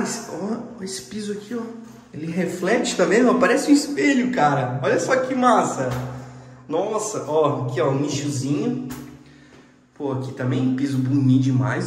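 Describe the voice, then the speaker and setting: A man's voice: fairly high pitch, lively intonation, normal speed, faint music behind. Chatty man touring a house. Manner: chatty, slangy, keeps pointing things out to viewers. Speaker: real estate video host. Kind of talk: casual house tour walkthrough. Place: empty house with bare hard floors. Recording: echoey empty rooms, long reverb.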